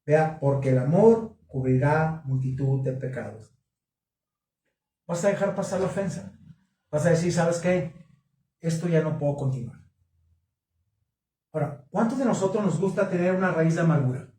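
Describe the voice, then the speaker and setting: A man preaching at a marriage conference, questioning the congregation in an animated way. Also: a little high, moderate pace. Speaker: pastor. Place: church hall. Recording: echoey hall, mic from a distance.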